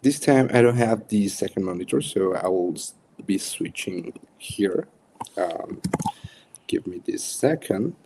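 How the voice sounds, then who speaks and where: A young man with a Mexican accent and native Spanish, coaching in a casual, halting livestream chat. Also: low-pitched, animated, mellow, slight background noise. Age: young adult. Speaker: coach hosting a livestream workshop.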